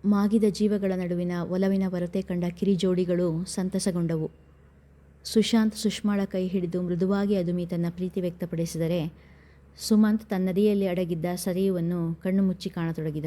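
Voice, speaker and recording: Low, mellow woman storyteller. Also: steady tone, moderate pace. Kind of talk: scripted narration of an audio story.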